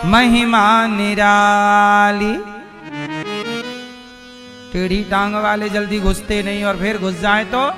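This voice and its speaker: Man, preacher, high voice, unhurried, music behind, chants verses. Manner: questions the audience and chants verses. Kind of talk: devotional sermon with chanted verses. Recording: live hall with music behind.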